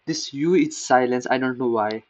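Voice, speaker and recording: A programmer casually talks through a tech article in a screen-recorded coding session, his medium-pitched voice at normal speed and poorly recorded. He rambles, pokes fun at himself, and repeats words to practice saying them.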